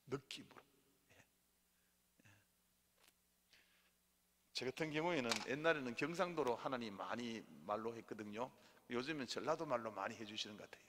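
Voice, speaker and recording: A male pastor teaching theology in a church, animated and leading the congregation in repeat-after-me lines and amens. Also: medium pitch. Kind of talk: sermon-style theology class. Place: church hall. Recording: hall reverb.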